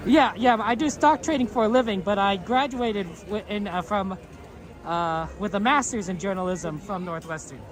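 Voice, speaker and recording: High-pitched and measured, with long pauses, a man runs a casual livestream from a theme park. He rambles through chat messages aloud, full of fillers and restarts, as the park crowd murmurs nearby.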